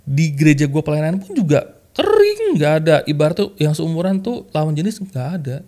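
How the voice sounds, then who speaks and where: A man tells a personal story on a podcast. His voice is warm and mellow, and his talk is loose, slangy and full of fillers like "kayak". He acts out remembered quotes with sudden lively leaps in pitch. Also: brisk. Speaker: podcast guest sharing a testimony. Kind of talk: casual storytelling chat.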